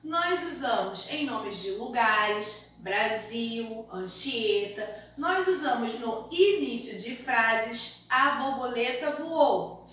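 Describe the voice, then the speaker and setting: Brazilian woman teacher, high voice, distant mic with faint hiss, sing-song pace for young kids. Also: animated, fairly bright tone. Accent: Brazilian Portuguese. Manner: slow, deliberate, sing-song explaining to young children. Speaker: primary school teacher. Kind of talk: remote primary school lesson. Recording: very echoey room, mic far off, faint hiss.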